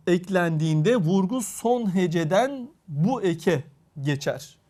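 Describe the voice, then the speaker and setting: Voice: medium pitch, warm tone. A teacher giving a recorded grammar lesson, speaking to the class directly and drawing out each example word. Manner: deliberate, drawn-out reading of example words.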